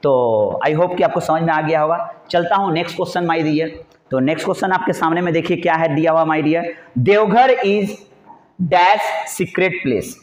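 A man's voice: on the high side, level tone, fast. A male teacher giving an exam-prep grammar lesson, repeating points and answering his own questions in a coaxing way. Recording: echoey, dull lo-fi room sound.

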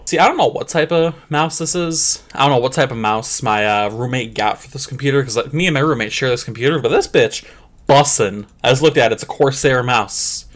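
A young man giving crude, jokey commentary over a game, jumping into squeaky high voices. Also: brisk. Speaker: gameplay commentator. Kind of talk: comedic let's play commentary.

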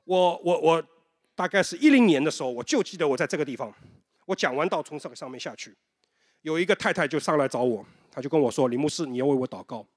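A man with a high-pitched voice delivers a sermon from a church sanctuary, and long reverb trails after his words. He talks like a storyteller, throwing rhetorical questions at his listeners and dropping in the odd English term. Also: lively intonation, quick pace. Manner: mixes in English terms. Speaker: pastor.

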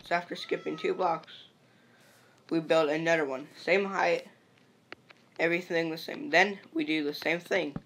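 A woman's voice: low-pitched, steady tone, moderate pace, gravelly, long pauses, fairly bright tone. A woman giving patient, step-by-step game-building instructions. She keeps checking in with "see?" and "perfect". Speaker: game tutorial maker. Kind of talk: step-by-step game tutorial voice-over. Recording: noisy home recording with clicks.

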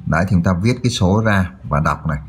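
A man's voice: sits low, fast, a little hiss or hum. A man tutoring children through a math exercise, explaining step by step and often checking that they follow. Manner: checks in often with "được chưa?".

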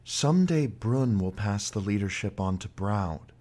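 A man voicing an old mother and medicine woman who comforts her daughter calmly and steadily. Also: fairly low pitch, measured pace. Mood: soothing.

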